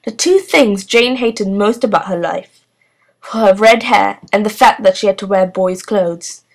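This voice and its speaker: A woman reads a children's novel aloud, narrating steadily in an ordinary middle pitch. Her delivery as a storybook reader is clear and measured.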